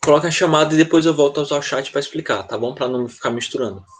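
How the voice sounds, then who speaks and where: A man's voice: a little high, very fast, a little hiss or hum. A man with a Brazilian Portuguese accent, an English teacher giving an online class, explaining step by step and checking in often with the students.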